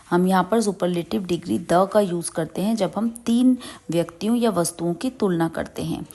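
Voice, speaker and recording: A woman teaching a grammar lesson. She reads English word lists slowly, then explains quickly in Hindi. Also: medium pitch, darkish tone. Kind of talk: grammar lesson reading out examples.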